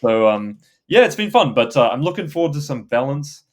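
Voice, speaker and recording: A man's voice: medium pitch, very animated, a little fast. A man co-hosting a gaming podcast, talking casually with many fillers and restarts and laughing easily. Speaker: podcast co-host.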